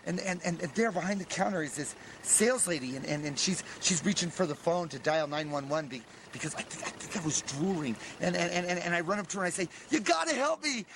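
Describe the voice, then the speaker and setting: Man, high voice, stammering, frantic comic monologue, faint hiss behind. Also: fairly bright tone. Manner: stammering, repeats words in nervous bursts; frantic, self-mocking.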